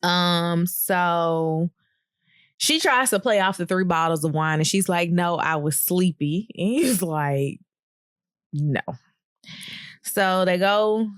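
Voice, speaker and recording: Podcast co-host, female, low unhurried voice, laid-back recap delivery, dry close sound. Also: clear, resonant tone, no room sound. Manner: laughs often, many ums, relaxed storytelling. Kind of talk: casual reality TV recap chat.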